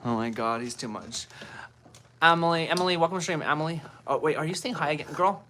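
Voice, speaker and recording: A woman's voice: low-pitched, fast, a bit bright, slight background noise. A woman in her thirties hosting a casual livestream at home, greeting commenters by name while doing her makeup. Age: 30s. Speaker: livestream host. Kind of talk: casual live-stream chat.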